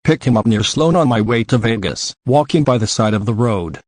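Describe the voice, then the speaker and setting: A man reading the part of a cool, guarded young female spy in a deadpan tone. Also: medium pitch, brisk, dry recording, lightly acted.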